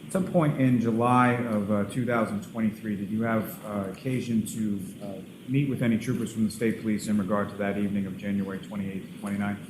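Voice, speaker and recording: A man questioning a witness as a prosecuting lawyer, with a formal, wordy and halting manner. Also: on the low side, steady tone. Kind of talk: courtroom questioning. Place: large indoor courtroom. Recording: echoey, noisy courtroom feed.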